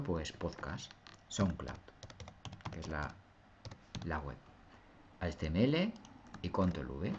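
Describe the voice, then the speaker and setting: Male teacher, low voice, patient step-by-step explainer on a dull lo-fi mic. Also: darkish tone, a little hiss or hum. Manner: patient, step-by-step, often asks "¿lo veis?". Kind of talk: screen-recorded software tutorial.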